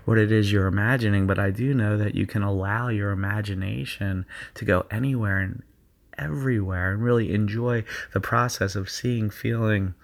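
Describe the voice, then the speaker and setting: Low gravelly man guiding a visualization. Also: fairly even intonation. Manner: slow, soothing hypnotic cadence with repetition. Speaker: sports performance coach. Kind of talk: guided visualization recording.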